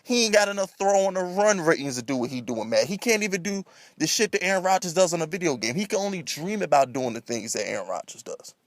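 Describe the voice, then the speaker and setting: A man's voice: fairly high pitch, animated, fast, dry recording. A man delivering an emphatic, escalating comedic sports rant off the cuff, exasperated, repeating himself and swearing freely. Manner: heavy swearing; emphatic, repetitive, rhetorical questions. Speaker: sports commentator.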